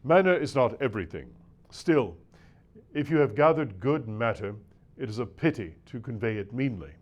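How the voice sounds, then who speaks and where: A man giving a scripted reading of a nineteenth-century lecture to preachers, in a measured, oratorical delivery with shifting emphasis. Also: mid-range voice, animated, lo-fi sound. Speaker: reader of a classic lecture.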